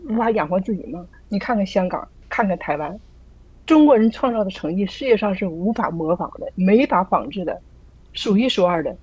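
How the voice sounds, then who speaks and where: A woman talks earnestly in a mellow, slightly husky voice and keeps throwing rhetorical questions at her listeners. The sound is dull and lo-fi, close and dry, like an online group call. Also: mid-range voice, dry recording. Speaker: church group member sharing. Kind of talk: casual spoken sharing.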